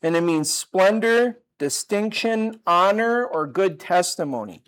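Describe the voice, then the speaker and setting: An older man giving a sermon, talking in a relaxed conversational way with asides and restarts. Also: sits high, a little slow. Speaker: pastor.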